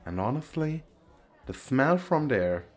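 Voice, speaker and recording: In an ASMR roleplay, a man plays a shy, playful single dad on a speed date, chatting casually in hesitant, self-deprecating, halting phrases. His medium-pitched voice swings widely in pitch, and his mood is earnest and talkative.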